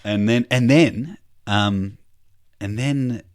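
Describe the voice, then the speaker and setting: A man's voice: lowish voice, extremely slow. A young man telling a story in a laid-back chat, swearing freely and trailing off with fillers. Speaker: podcast host.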